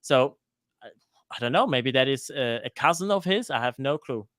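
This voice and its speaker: A man's voice: medium pitch, animated, normal speed, a bit bright, no echo, studio quality. A man in his thirties from Denmark, a guest on a live-streamed interview, talking hesitantly with many restarts. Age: 30s.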